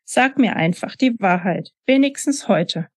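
A woman's voice: medium pitch, lively intonation, measured pace, husky, no echo, clean studio sound. A woman reading the part of a 22-year-old daughter, hurt and furious, in a bitter accusing tone. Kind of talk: author reading her novel.

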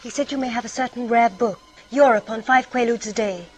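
A woman's voice: fairly high pitch, fairly even intonation, fairly quick, soft background music. An actress playing an earnest young woman searching for her father, her lines spoken backwards and played in reverse so they sound stiff and warped. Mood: urgent. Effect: lines spoken backwards and played in reverse, oddly warped.

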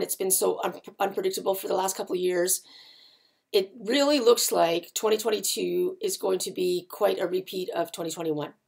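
A middle-aged woman with a growly, gravelly voice, giving unscripted market commentary in an explanatory, halting way with pauses. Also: medium pitch, a little mellow. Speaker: market analyst and host. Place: indoors, seated before a patterned backdrop.

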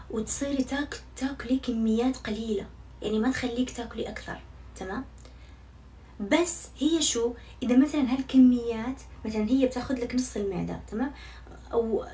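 A woman's voice: on the high side, dark tone. Young woman vlogger, casual and joking, slight room hiss, mic a bit distant. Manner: chatty and self-mocking, swears oaths often. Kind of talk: casual vlog chat to viewers. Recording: somewhat far from mic, faint background noise.

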